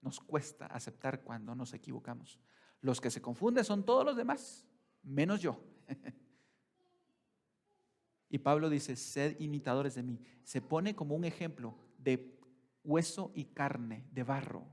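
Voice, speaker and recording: A pastor preaches a sermon, addressing the congregation as brothers and asking them questions, moving between quiet, slow passages and loud, raised ones. His voice is mid-range and animated.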